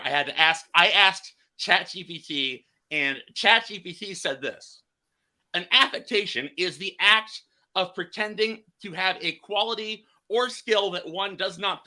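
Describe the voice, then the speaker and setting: A man's voice: on the high side, sharp tone. A man hosting a casual podcast chat, rambling and restarting his phrases. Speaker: podcast host.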